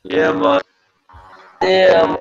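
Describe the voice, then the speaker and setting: A man's voice: high-pitched, very slow, creaky. A man talking casually on a video call through earbuds, his broken-up speech turned into glitchy, robotic-sounding audio by a faulty mic. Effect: glitchy robotic-sounding distorted mic audio. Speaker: participant in an online group hangout. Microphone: wireless earbuds on a video call. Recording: muffled, reverberant, garbled call audio.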